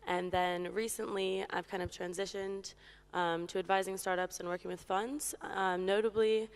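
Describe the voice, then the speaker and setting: A woman from Hong Kong speaking as a panelist in a conference discussion, measured and even, with a few fillers. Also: medium pitch, smooth.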